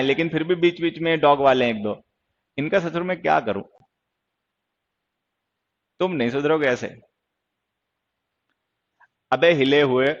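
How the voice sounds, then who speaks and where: A hoarse man teaching an online English grammar class, scolding and teasing his students playfully as he explains. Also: a little high, highs cut off. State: hoarse from shouting.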